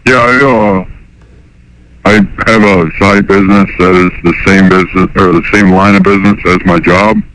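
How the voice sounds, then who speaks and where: A man calling in to a talk show, his voice disguised deep through a voice changer, speaking hesitantly with fillers. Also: steady tone, moderate pace, a bit bright, slight background noise, poor audio. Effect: voice disguiser lowering the voice. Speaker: caller. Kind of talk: casual call-in chat.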